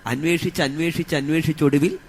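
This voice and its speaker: A man with a Malayalam accent giving a religious discourse on scripture, chanting verses slowly and asking his listeners rhetorical questions. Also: fairly high pitch, fairly even intonation, breathy edge. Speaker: scripture teacher.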